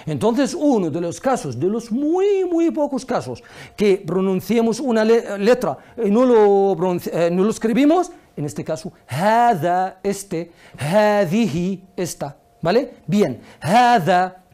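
Woman teacher, patient one-on-one drills, bright animated delivery. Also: mid-range voice. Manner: patient, drills words slowly and asks questions. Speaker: Arabic teacher. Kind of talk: one-on-one language lesson.

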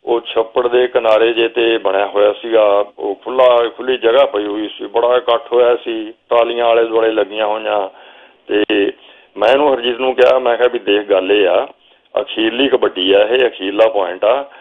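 A man's voice: fairly low pitch, fairly even intonation. Older man, Punjabi accent, reminiscing storyteller, thin phone-like audio. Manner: slow reminiscing storyteller, quotes himself calling instructions. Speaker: guest. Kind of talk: storytelling interview. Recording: phone-like narrow sound.

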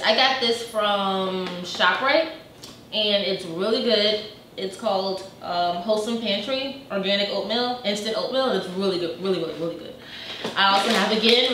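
A woman's voice: a little high, a bit bright, a little hiss or hum. A young woman in a home kitchen, chatting casually as a fitness vlogger while showing her food items, upbeat and full of fillers. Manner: chatty and upbeat, many fillers like "you know" and "like". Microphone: camera mic from a few meters away. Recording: echoey kitchen, voice a bit distant.

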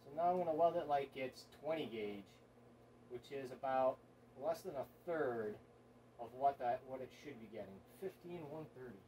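Welding in his home garage, a hobby welder who hosts a channel makes casual workshop talk, rambling, offhand and often correcting himself. His medium-pitched voice has lively intonation at normal speed, with highs cut off and slight background noise.

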